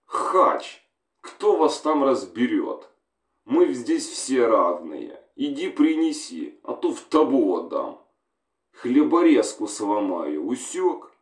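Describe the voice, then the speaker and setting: A man's voice: medium pitch, sing-song, slow. A man voicing a coarse, bullying male soldier commander who barks crude orders, recorded in a roomy space from a distance. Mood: bossy.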